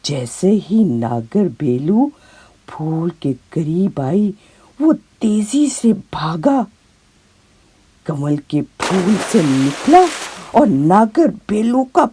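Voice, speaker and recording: A woman with an Urdu accent narrates a children's moral story with drama and feeling. She speaks very slowly, her voice husky and breathy, with lively rises and falls in pitch.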